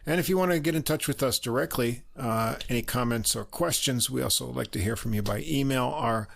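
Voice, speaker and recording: A man with a gravelly, creaky voice chats easily as a podcast co-host. He makes dry jokes and fills his pauses with drawn-out uhs. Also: mid-range voice. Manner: easygoing, dry jokes, lots of uh fillers. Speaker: co-host of a classical music podcast. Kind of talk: casual podcast chat.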